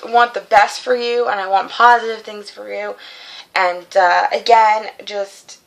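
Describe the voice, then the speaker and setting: A woman's voice: mid-range voice, a bit bright, poor audio. A woman in her twenties giving an informal, heartfelt video message in an earnest, encouraging manner. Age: 20s. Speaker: vlogger sharing a personal message of support. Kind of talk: informal, heartfelt talk to camera.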